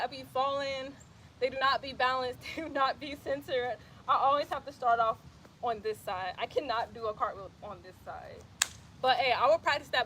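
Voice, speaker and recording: Recorded on a phone with slight background noise, this high-pitched, somewhat bright voice belongs to a young Atlanta woman with the city's accent. She's outside in bright sunshine on an exercise mat, casually coaching handstands, relaxed and talkative, laughing a lot and dropping "y'all."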